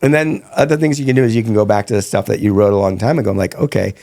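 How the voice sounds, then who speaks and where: Low-voiced man telling comedy stories. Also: rapid-fire, warm tone, dry recording, studio quality. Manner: chatty storyteller, loose and rambling. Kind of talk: casual podcast conversation.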